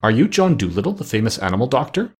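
A man doing a calm, obliging big shark. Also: mid-range voice, quick pace, husky. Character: huge polite male shark.

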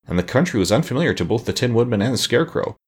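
A man narrating a storybook in an expressive, measured way. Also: mid-range voice, breathy edge.

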